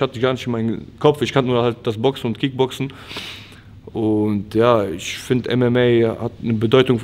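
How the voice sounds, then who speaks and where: A man in his twenties, an MMA fighter, talking casually in an interview, with lots of fillers and restarts. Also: medium pitch. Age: 20s. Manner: relaxed, frequent fillers and restarts. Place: training gym, indoors.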